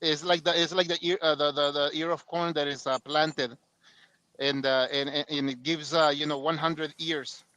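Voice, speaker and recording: A man's voice: fairly high pitch, flat delivery, moderate pace, pushed and bright, dry recording. A man on a group voice call, explaining hesitantly with many fillers and repeated words. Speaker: participant in group discussion.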